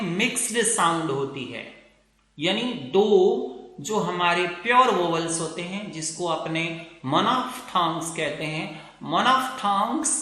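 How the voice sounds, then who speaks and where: A man teaching English pronunciation in a video lesson, explaining slowly and checking with his students again and again. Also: high voice, pushed and bright. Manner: explains slowly, repeats words and checks with "theek hai na". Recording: very echoey room.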